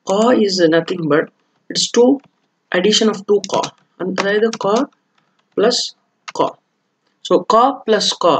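A man's voice: high-pitched, a little hiss or hum. A man teaching Arabic grammar, explaining step by step with many fillers and self-corrections. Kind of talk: lesson mixing two languages.

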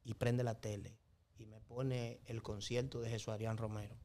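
A man's voice: fairly low pitch, level tone, moderate pace, mellow. A man with a Dominican accent giving an earnest, emphatic faith testimony as an interview guest, with a preacher-like cadence. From Dominican Republic.

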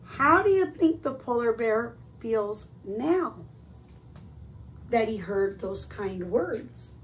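A preschool teacher reads a picture book aloud to young children in a high, very lively voice. She takes her time and stops often to ask the children questions. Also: slow pace, slight background noise, poor audio. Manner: expressive, asks children questions.

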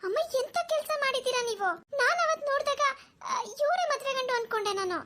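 [name], a woman doing a sharp-tongued young sister. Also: very high voice, expressive, fast talker, slight background noise, voice pushed up, full character voice. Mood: puzzled. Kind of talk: cartoon voice acting.

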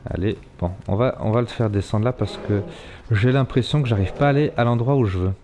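Low-voiced man commentating a game. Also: brisk, mellow, slight background noise. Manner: chatty, swearing, talks to his animals. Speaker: let's play streamer. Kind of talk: live gameplay commentary.

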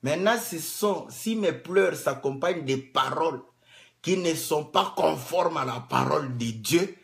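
A man preaching a sermon, rising to loud emphatic peaks, acting out cries of pain and asking the congregation rhetorical questions. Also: fairly high pitch, expressive, unhurried, creaky. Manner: acts out cries of pain to make a point; asks the audience rhetorical questions.

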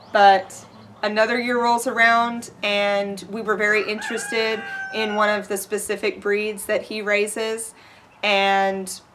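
A woman's voice: a little high, a bit bright, slight background noise, rough recording. A woman, talking earnestly to camera in a casual farm vlog, recorded outdoors on a porch. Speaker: small farm owner and vlogger.

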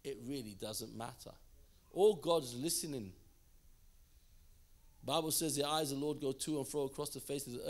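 A middle-aged man, a pastor, telling a story in a sermon in a church hall, acting out his own thoughts with lots of laughter. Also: mid-range voice. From England.

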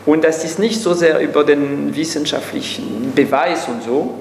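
Older man, echoey hall, animated. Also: on the high side, normal speed. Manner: animated, gesturing widely, thinking aloud with many fillers. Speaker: guest speaker. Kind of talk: panel discussion answer. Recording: echoey hall with faint hum.

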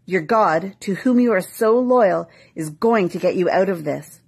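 A woman's voice: medium pitch, animated, measured pace, vocal fry, darkish tone, slightly rough, exaggerated voice. A woman reading an anxious old-world king. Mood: reassuring. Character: anxious ancient male king, devoted ruler.

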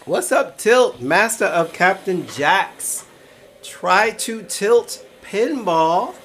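A man's voice: high-pitched, lively intonation, very slow, fairly bright tone, slight background noise. A man streaming a pinball game live, joking around, laughing a lot and calling out to his viewers, a little tipsy from cider. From Brooklyn, New York. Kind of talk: casual live-stream commentary. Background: faint game music.

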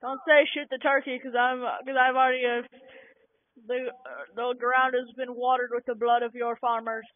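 A young-sounding gaming channel host giving casual, rambling let's-play commentary with many fillers, recorded on a cheap low-quality microphone. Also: little pitch movement, moderate pace, no room sound. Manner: rambling, self-conscious, lots of fillers. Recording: tinny lo-fi cheap mic.

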